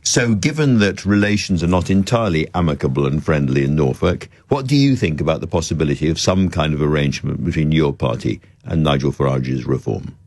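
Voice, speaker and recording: A man's voice: extremely low pitch, animated, fairly quick, few pauses, darkish tone, dry recording. A British man hosting a radio interview in the studio, putting probing questions to his guest. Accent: British English.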